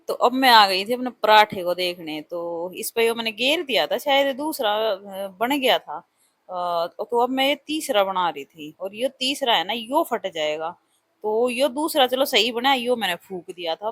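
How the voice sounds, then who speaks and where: A woman's voice: a little high, a bit bright, no echo. A middle-aged woman running a parlour and raising her son, chatting casually and with self-mocking humour over her cooking vlog. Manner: chatty, self-mocking, talks directly to viewers. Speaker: vlogger, parlour owner and mother.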